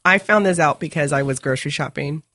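A woman's voice: low-pitched, quick pace, pushed and bright, dry recording. A woman chatting casually as the co-host of a podcast. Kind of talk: casual chat.

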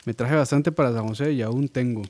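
A man's voice: medium pitch, brisk, a little mellow. A man co-hosting a casual podcast, laughing often and reading out listener messages. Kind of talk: casual chat.

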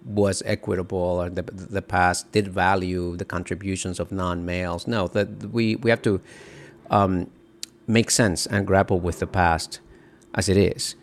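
With a low, flat delivery, a middle-aged Dominican man, an author being interviewed as a guest, responds haltingly and thoughtfully, often starting over. Slight background noise can be heard.

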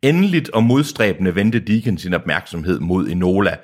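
Man reading a novel aloud, lowish voice, joking asides, podcast style. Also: animated, a little mellow. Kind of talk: reading aloud with casual chat.

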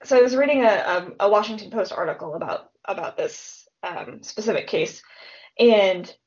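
Woman co-host, mid pitch, conversational true-crime storyteller, muffled lo-fi sound. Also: moderate pace, a little mellow. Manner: chatty retelling, frequent "like" and "um". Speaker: podcast co-host. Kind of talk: casual true-crime chat.

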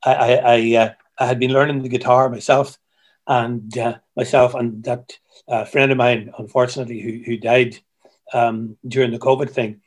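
A man, a musician guest who tells stories in a halting way, repeating words, heard over a video call. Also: medium pitch, flat delivery. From Ireland. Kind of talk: casual interview chat.

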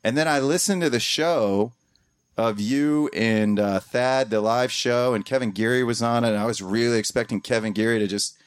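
A man from the Columbus, Ohio area, appearing as a guest podcaster, gives a heartfelt, casual talk to a community gathering, rambling, restarting often, and swearing casually. His medium-pitched voice is clear and resonant at a moderate pace. The sound is dry, with no room sound.

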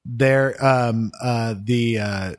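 A man's voice: mid-range voice, steady tone, drawn-out words. A man chatting casually as a podcast co-host, with a blunt, teasing manner. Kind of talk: casual chat.

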